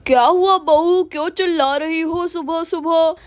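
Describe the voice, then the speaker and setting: Casting: fretful old grandfather, voiced high by a woman, for a doll cartoon, dry close sound. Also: steady tone, unhurried, no room sound. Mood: alarmed. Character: old village grandfather, worried head of house.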